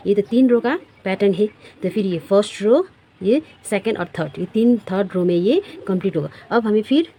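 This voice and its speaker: A woman's voice: on the low side, warm tone, a little hiss or hum. A woman teaching a knitting pattern step by step, counting stitches aloud and repeating herself as she shows each row. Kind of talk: step-by-step craft tutorial.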